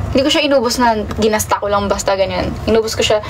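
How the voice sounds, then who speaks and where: A woman's voice: medium pitch, fast talker, noisy background. A young woman talking casually on a livestream, rambling and confessional, with many fillers and restarts.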